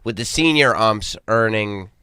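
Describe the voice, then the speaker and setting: A man's voice: lowish voice, animated, measured pace, a crowd in the background. An American man hosting a casual podcast chat. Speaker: podcast host.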